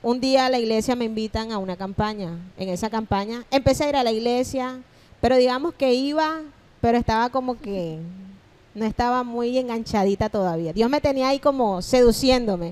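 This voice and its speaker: A woman's voice: fairly high pitch, brisk. A woman pastor giving her personal testimony as a podcast guest, telling it animatedly and acting out the things people said to her. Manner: animated storytelling, acting out remembered dialogue.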